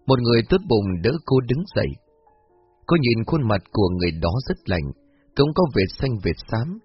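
A man reads a spooky tale aloud in a steady, even storytelling voice with a husky, slightly breathy tone. The recording is dull and lo-fi, with faint music underneath. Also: medium pitch. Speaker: narrator. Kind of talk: storybook narration.

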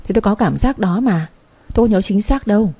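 A woman's voice: mid-range voice, lively intonation, fast talker, mellow, husky. A woman reading a brash, cocky young man. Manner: boastful, teasing.

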